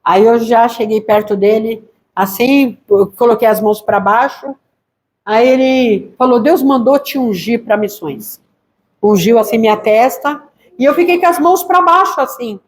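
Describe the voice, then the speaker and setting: High-voiced Brazilian woman giving testimony. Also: normal speed. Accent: Brazilian Portuguese. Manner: lively storytelling, acts out quoted voices. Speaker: missionary pastor. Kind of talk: church testimony.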